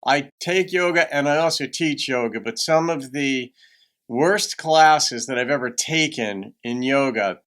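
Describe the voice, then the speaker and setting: A man's voice: mid-range voice, measured pace, fairly bright tone. A man hosting a reaction video with conversational commentary in a thoughtful, musing manner.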